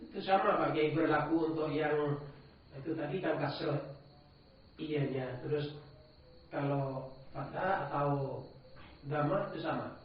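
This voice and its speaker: A man's voice: a little high, measured pace, long pauses. Male student, hesitant questioner, far from the mic in an echoey, dull room. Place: prayer room. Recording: distant, echoey, dull, faint noise.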